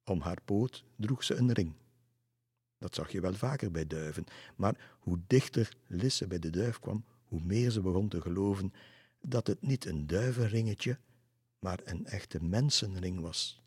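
A very low, slightly husky male voice reads a children's story at a calm, unhurried pace. The sound is close and dry, with no room ambience.

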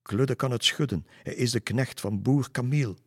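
A man reading aloud, voicing a taunting chorus of rabbits, frogs and squirrels, chanting in a sing-song rhythm. The voice is lifted and loud above his usual husky tone, and the sound is dry. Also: mid-range voice, normal speed, no room sound, voice pushed up, lightly acted. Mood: mocking. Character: chanting chorus of mocking forest animals.

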